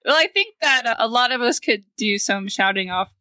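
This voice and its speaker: A woman's voice: a little high, animated, fairly quick, sharp tone, dry recording, clean studio sound. A woman co-hosting a podcast in casual, chatty conversation. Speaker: podcast co-host. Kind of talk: casual chat.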